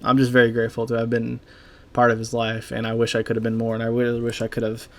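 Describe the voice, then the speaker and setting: A young man giving a halting, casual voice-over over gameplay, full of fillers and swearing, as a clan leader recalling a friend. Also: mid-range voice, monotone. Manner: halting, rambling, heavy with fillers; casual and profane. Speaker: gaming YouTuber and clan leader.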